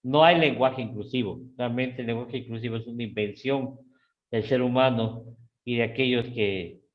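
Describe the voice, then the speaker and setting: A middle-aged man with an Ecuadorian Spanish accent teaching a live class, often checking in with his students and rising sharply in pitch on key words. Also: normal speed, muffled recording. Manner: repeats "¿sí?" and "¿no es cierto?" to check on students; lively, with sudden rises in pitch.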